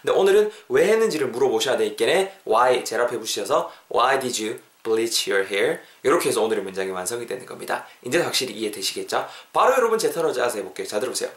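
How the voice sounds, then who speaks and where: Lively Korean English teacher, roomy sound. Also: male voice, mid-range voice, fast talker, few pauses. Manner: lively, repeats example phrases in drills. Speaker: English teacher, podcast host. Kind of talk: casual spoken English lesson. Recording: roomy echo.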